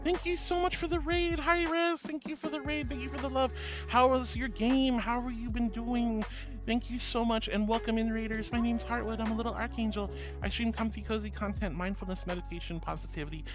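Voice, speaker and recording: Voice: medium pitch, steady tone, brisk. A livestream host with a cute, sweet anime-streamer delivery, chatting cozily and affectionately with viewers. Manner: affectionate, addresses people with pet names. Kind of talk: cozy livestream chat, reading out viewer messages. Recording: music playing behind. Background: music.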